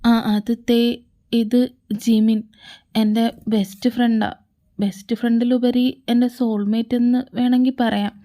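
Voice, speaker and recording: Woman voicing a calm, soothing young man. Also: a little high, a little slow, close to an everyday voice. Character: calm, patient young man, the storyteller friend. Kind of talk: fan audio drama.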